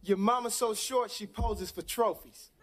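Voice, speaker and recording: A man's voice: high voice, over loud music. An actor playing a cocky male contestant firing off jokes on a noisy old TV broadcast. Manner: cocky, rapid-fire jokes.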